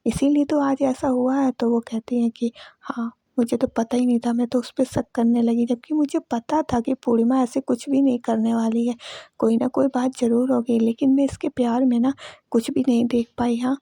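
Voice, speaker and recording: A woman's voice: a little high, little pitch movement, normal speed, gravelly, warm tone, husky, no room sound, clean studio sound. A woman chatting through a casual recap of a TV serial episode in voice-over, retelling who said what in a talkative way. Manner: chatty, repeats "she says" and "okay". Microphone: voice-over recorded close to mic.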